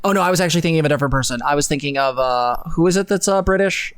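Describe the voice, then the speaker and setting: Talking very fast in a clean, mid-range voice, a man co-hosting a live stream performs a theatrical, sarcastic reading at his computer indoors. He keeps breaking off for sweary, casual asides.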